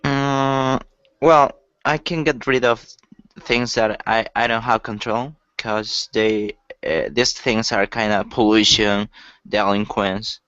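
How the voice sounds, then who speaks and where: A man from Peru, a student chatting in an online class, halting and searching for words. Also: on the low side, fairly even intonation, a bit bright, clean tone, no room sound, highs cut off. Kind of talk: casual chat in class.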